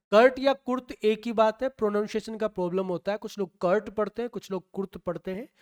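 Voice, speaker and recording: A man a high, smooth, clear voice goes through a psychology test paper question by question. He poses each question aloud, answers it himself and repeats the key for emphasis. He speaks in. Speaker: teacher solving a test paper. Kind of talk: exam-prep lecture.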